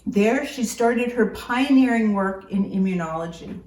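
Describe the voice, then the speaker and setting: Woman, academic introducer, formal measured podium speech; mid pitch, roomy sound, off-mic. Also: darkish tone. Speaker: academic introducing a keynote speaker. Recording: roomy echo, distant microphone.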